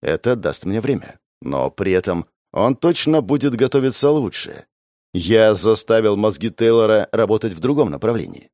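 A man narrating a first-person audiobook in an expressive, wry manner, voicing all the characters. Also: on the low side, normal speed, no room sound, clean studio sound.

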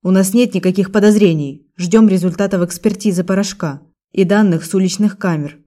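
A woman's voice: mid-range voice, fairly quick, mellow, lightly acted. A woman voicing a stern young man who speaks in curt, cold lines.

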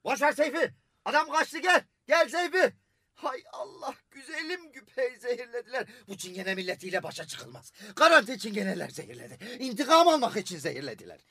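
An actor playing an excitable, gossipy cook and former wrestler in a radio drama. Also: male voice, very high-pitched, brisk, exaggerated voice. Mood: lamenting. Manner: excitable, wailing, chattering.

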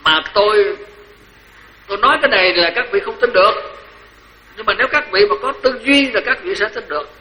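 Giving a lively dharma talk laced with jokes, an older senior Buddhist monk with a Southern Vietnamese accent repeats phrases for emphasis. His voice sits high and his pace is brisk, broken by long pauses, on a low-quality recording.

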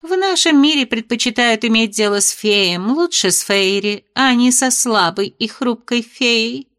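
Evasive fairy headmistress read by a woman, soothing yet dismissive, slightly high voice, audiobook character. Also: measured pace, a bit bright.

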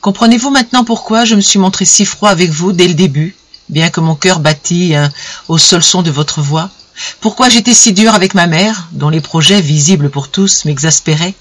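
A reader voicing an earnest young lover. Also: male voice, sits high, a bit bright. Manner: earnest, pleading. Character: young man in love, earnest and tormented.

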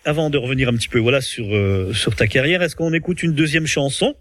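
A man's voice: medium pitch, quick pace, fairly bright tone. A man hosting a radio interview, talking hesitantly with many restarts and frequent laughter. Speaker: radio host.

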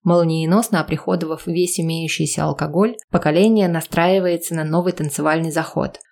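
Woman narrating an audiobook, lowish voice. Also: a little fast, creaky. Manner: lively, expressive reading.

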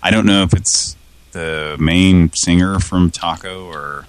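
A man's voice: fairly even intonation, takes it slowly, smooth. A man chatting casually as a podcast co-host, rambling and hesitant with filler words. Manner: rambling, hesitant, bursts into goofy high yelps. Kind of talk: casual chat.

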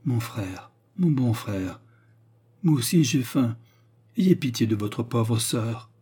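A shy young woman, gentle and obedient, speaking softly and hesitantly, as a male reader puts her on. The voice stays mellow and a little husky, barely changed from the reader's own. It is classic audiobook storytelling. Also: mid-range voice, lively intonation, slow. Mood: pleading. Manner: soft, hesitant.

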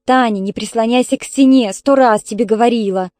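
A woman's voice: fairly high pitch, fairly quick, a little mellow, dry recording, lightly acted. A woman reading as a grumpy, complaining middle-aged mother who scolds her neighbors and children. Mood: grumbling. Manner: complaining, strict.

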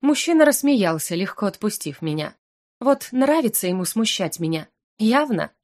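Female audiobook narrator, expressive first-person fantasy reading at a medium pitch. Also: normal speed.

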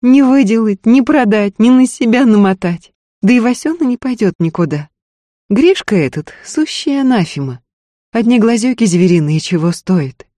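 A reader voicing a weary, sharp-tongued frontier wife in an audiobook, scolding and worried. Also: medium pitch, no echo, voice pushed up, lightly acted. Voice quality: scolding, quick to anger. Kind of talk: audiobook character voice.

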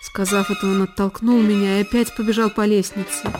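A woman's voice: medium pitch, level tone, fairly quick. Woman narrating with violin and reverb. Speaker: audiobook narrator. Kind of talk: scripted literary narration. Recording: long reverb, faint violin music behind.

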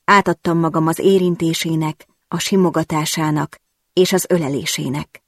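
A woman reading a first-person romance audiobook in an intimate, expressive storytelling manner, recorded on a close studio mic. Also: low voice, no room sound. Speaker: audiobook narrator.

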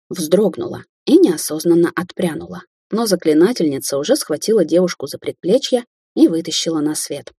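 Woman narrator, fantasy audiobook, low dark husky tone, dry close mic. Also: no echo.

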